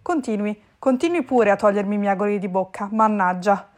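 A woman's voice: mid-range voice, a little fast, a little mellow, close to an everyday voice. A woman voicing a pompous, self-important male cat colonel who grumbles and bungles long words.

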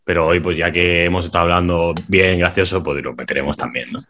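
A man co-hosting a podcast, relaxed and teasing in casual chat. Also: sits low, a little fast, slight background noise. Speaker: podcast co-host.

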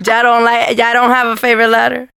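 Gravelly woman co-host, slangy and joking. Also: fairly high pitch, completely flat delivery, fast talker, noisy background. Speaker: podcast co-host. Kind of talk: casual chat.

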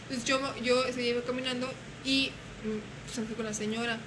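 A young woman telling stories in casual chat, animated and acting out voices. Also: a little high, fairly quick. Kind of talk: casual storytelling. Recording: noisy room.

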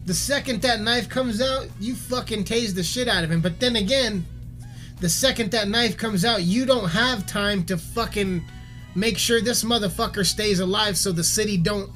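A man's voice: sits high, fairly bright tone. A man giving a heated, profanity-filled video rant, swearing constantly and repeating himself, with faint music behind him. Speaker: musician ranting on camera.

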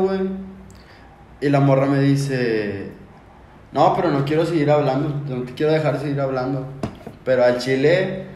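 A podcast guest with a Mexican accent tells a crude story full of slang, peppering it with "güey" over and over. The voice is slightly high and darkish, the sound roomy, with a touch of hiss or hum.

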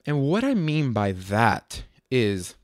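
A man's voice: mid-range voice, sing-song, slow pace, dry recording, studio quality. A man who works as a comedian, talking casually to the camera in a rambling way, often stopping to correct himself. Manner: rambling, self-correcting, hesitant.

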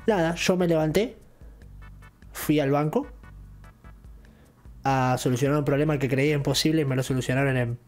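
A man's voice: on the high side, moderate pace, pauses often, faint music behind. A young man with an Argentine accent, casually telling a long, rambling story and acting out what people said. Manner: rambling, animated retelling with acted quotes. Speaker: channel host.

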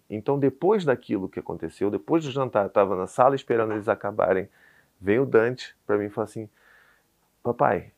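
A man in his thirties with a Brazilian Portuguese accent, a podcast guest telling a story in casual chat and acting out the dialogue. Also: lowish voice. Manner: animated storyteller, acts out dialogue. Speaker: podcast guest, father of four.

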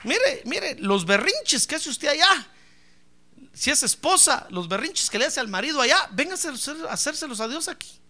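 A male pastor preaching a sermon, emphatic and repetitive, swinging from hushed asides to loud cries. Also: very high voice, sing-song, moderate pace, a faint crowd.

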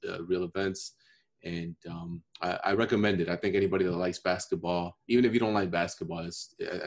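A man co-hosting a casual podcast, talking in a measured, thoughtful way with many fillers. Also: low voice, darkish tone. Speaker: podcast co-host. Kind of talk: casual chat.

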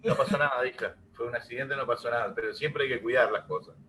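The audio is poor, with a little hiss or hum, as a middle-aged Argentine musician who also teaches music in Santa Fe answers interview questions casually over video call. In rioplatense voseo, his mid-range voice is fast and sharp.

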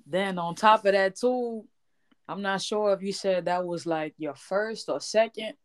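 A woman's voice: medium pitch, unhurried, noisy background. A woman hosting a casual podcast chat, bubbly and full of slang. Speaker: podcast host.

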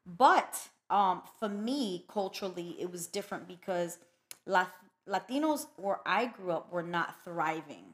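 A woman's voice: fairly low pitch, lively intonation. Chatty woman host, laughs along. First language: Spanish. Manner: warm, laughs along, quick agreeing interjections. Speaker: podcast host. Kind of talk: casual interview chat.

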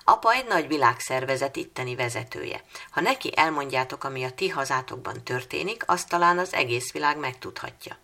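A woman with a low, creaky voice voicing an earnest, determined young girl in a storybook reading, in an eager, pleading manner. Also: expressive, few pauses, pushed and bright, heavily acted.

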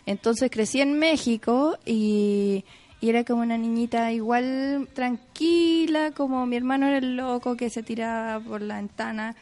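A woman with a Chilean accent, talking casually in an interview, chatty, full of fillers and quick to laugh. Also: on the high side, a little mellow. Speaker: guest.

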